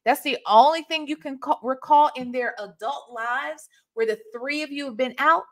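In a small room at home, a woman in her forties from Ohio, with a Southern US accent, hosts a reaction video about a played call. Her high-pitched voice moves at a moderate pace as she speaks into a webcam's desk microphone, her casual commentary sassy, emphatic, and animated.

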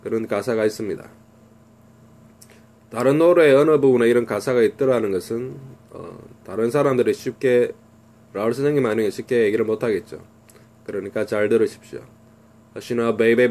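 A middle-aged man teaching English through a pop song, slowly reading lyric lines and explaining the grammar. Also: medium pitch, darkish tone.

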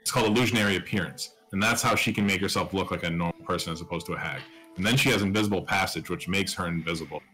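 A man's voice: sits low, racing, pushed and bright, soft background music, poor audio. A man in his thirties running a tabletop role-playing game, narrating and explaining rules casually. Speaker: game master. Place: indoor room at home, on a video call.

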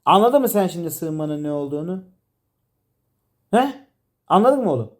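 A man's voice: fairly high pitch, expressive, normal speed. A man directing a comedy sketch, teasing and exasperated, laughing often. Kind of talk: playful directing banter.

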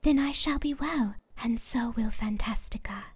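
Give the fantasy audiobook a serene, otherworldly empress with a childlike air, acted by a woman. Her voice sits fairly high and is very breathy, close to a whisper. She speaks gently and in measured phrases. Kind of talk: fantasy audiobook character dialogue.

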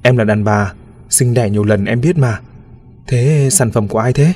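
A man's voice: medium pitch, moderate pace, darkish tone, breathy edge, soft background music, natural voice. A man voicing a nosy, blunt middle-aged village woman who pries in a familiar, gossipy way, in a spoken ghost story. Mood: friendly. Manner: prying, familiar.

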